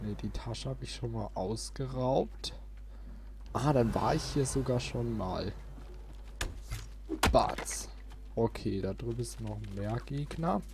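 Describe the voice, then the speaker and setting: A man hosts a let's play, giving casual, playful commentary on a video game in a medium-pitched voice. He speaks slowly and pauses often, with game noise and ambience running behind him.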